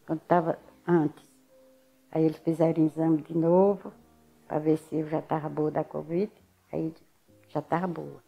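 Lo-fi recording of an older woman with a fairly low, creaky voice and a Northeastern Brazilian accent from Alagoas. Telling her story in an informal interview, she brings it to life by acting out what others said.

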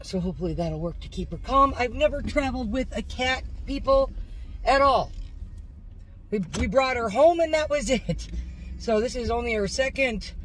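A middle-aged woman with an American accent chats folksily to her audience while vlogging in her car, narrating herself in a slightly high, animated voice at normal speed. Soft music plays in the background, and the dashboard phone or camera gives a rough recording.

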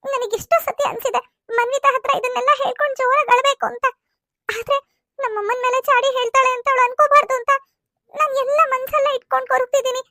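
Very high squeaky voice, a hurt young bride in a cartoon soap pleading and complaining through tears, as a woman plays her. The sound is bone dry and close. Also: brisk, long pauses, a bit bright, no echo. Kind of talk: cartoon serial voice acting.

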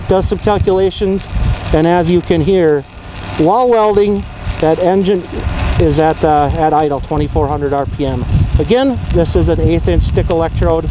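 A middle-aged man, a product manager, explaining a demonstration step by step in an upbeat way, recorded outdoors on a paved lot with a clip-on mic. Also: sits high. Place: outdoor paved lot beside open fields. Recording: outdoor recording with loud engine noise. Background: running generator engine.

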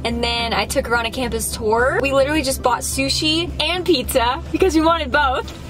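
A young woman hosting a casual vlog, bubbly and excitable and quick to laugh. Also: high-pitched. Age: young adult. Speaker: vlogger host.

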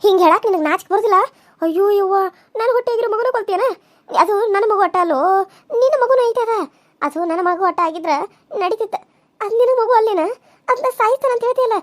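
A woman voicing a wronged, pregnant young village wife in a cartoon serial, crying and reproaching. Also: very high voice. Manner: wailing, sobbing reproaches.

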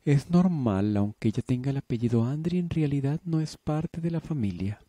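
A man's voice: mid-range voice, expressive, normal speed, warm tone, no echo, voice pushed up, close to an everyday voice. A man voicing a snobbish, spiteful rich teenage girl in a storybook reading, speaking in a haughty, dismissive way. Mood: scornful.

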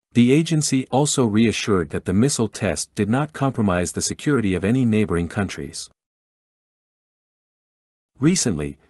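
A man with a fairly low voice narrates a scripted news report. His delivery is formal and measured, and the sound is dry, with very little room in it. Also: a little mellow, no echo.

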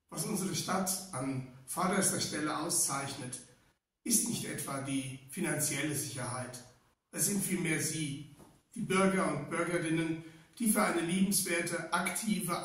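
Echoey, slightly hoarse older man, formal address. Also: fairly high pitch, fairly bright tone. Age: 60s. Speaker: town official giving a holiday address. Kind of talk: prepared formal address to citizens. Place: small indoor office room. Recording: echoey room, distant microphone.

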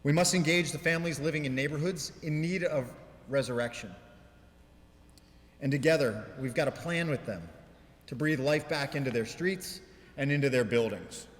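A man delivering a prepared mayoral speech at a ceremony, in deliberate, emphatic oratory with measured pauses. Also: a little high. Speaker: mayor giving an inaugural speech. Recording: reverberant hall, long echo.

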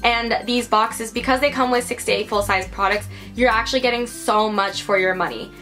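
A woman's voice: a little high, steady tone, moderate pace, a bit bright, faint music behind. A young American woman in her twenties, chatting upbeat to camera in a casual beauty haul, full of "like" and "you guys". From United States. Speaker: beauty vlogger. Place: her room indoors.

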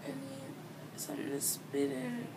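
Woman, 30s, very high swooping voice, woozy and weepy post wisdom teeth extraction, noisy room. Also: big pitch swings, measured pace. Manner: groggy, muffled speech after wisdom teeth surgery. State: woozy and tearful after oral surgery. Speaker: patient. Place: small hospital recovery room, phone camera nearby. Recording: noisy handheld hospital room recording.

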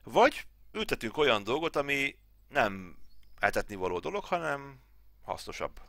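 A man's voice: mid-range voice, very animated, gravelly, bright, forceful tone, no room sound. A man in his thirties from Hungary, casually thinking aloud as he plays through a farm game tutorial at home. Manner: thinking aloud, chatty, mutters to himself. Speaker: gaming channel host.

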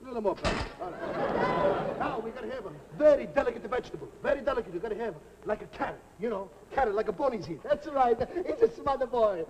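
A man in a very high-pitched, expressive voice plays a jovial Italian cook from the old country, rambling quickly in accented, broken English. A crowd can be heard in the background of this live comedy sketch, where audience laughter fills a noisy old recording.

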